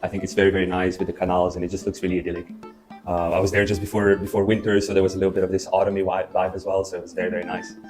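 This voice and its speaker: Young man, from Slovenia, student, low voice, fast relaxed chat, faint music. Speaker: international student. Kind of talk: casual group chat.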